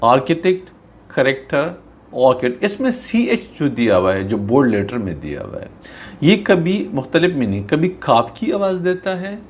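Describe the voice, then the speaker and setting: In a recorded classroom lesson, a man from Pakistan teaches English, explaining patiently and repetitively and often checking with "theek hai." He reads English textbook lines aloud slowly, mixing them into his explanations, in a mid-range voice with huge pitch swings and a little hiss or hum.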